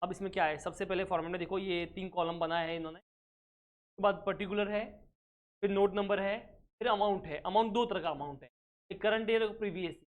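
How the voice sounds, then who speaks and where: A man's voice: high voice, fairly even intonation, brisk, phone-quality sound. Accounting teacher, male, lecture style, fires rhetorical check questions, drops in English terms. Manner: keeps asking the class rhetorical check questions; mixes English terms into his explanation. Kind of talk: recorded exam-prep lecture.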